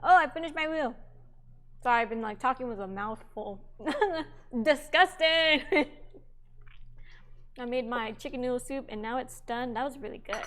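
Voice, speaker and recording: A young woman with a slightly high voice chats casually with her stream's viewers while cooking at home. She rambles freely, filling her sentences with hesitations as she goes. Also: fairly quick, a bit bright. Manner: chatty and rambling, with frequent fillers. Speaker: livestreamer. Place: home kitchen.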